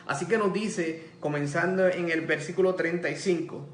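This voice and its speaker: A man with a Puerto Rican Spanish accent preaching a sermon in a church, impassioned and rising to loud cries. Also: on the high side, moderate pace, slight background noise. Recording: echoey church room with faint ambience.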